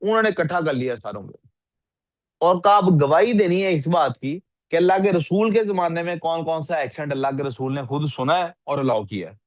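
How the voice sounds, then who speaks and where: A male teacher with a slightly high voice gives a classroom lecture, frequently asking his students questions and scolding the sleepy ones. There's no echo in the recording.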